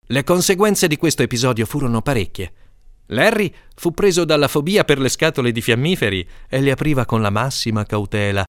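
A man narrating an audiobook in an expressive, lively storytelling manner. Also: on the low side, dry recording, clean studio sound.

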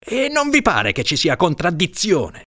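Exasperated judge, a man putting him on, raised high and incredulous, lively. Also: unhurried, no room sound, clean studio sound, full character voice. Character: exasperated middle-aged male judge.

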